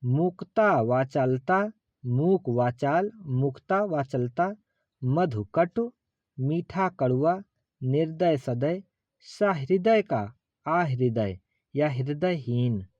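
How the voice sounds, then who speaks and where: Slow-drilling male Hindi teacher. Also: on the high side, expressive, a little mellow, dry recording, highs cut off. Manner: slow, deliberate drilling of word lists, addressing students as friends. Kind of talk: reciting word pairs for an exam class.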